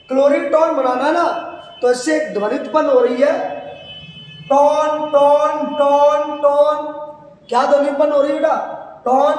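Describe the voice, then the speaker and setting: A man teaching a chemistry lesson, asking his students questions and answering them himself, stretching out and repeating words. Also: very high voice. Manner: calls students "beta", drawn-out repeated words. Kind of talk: classroom lecture. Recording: very echoey room with long reverb, faint noise.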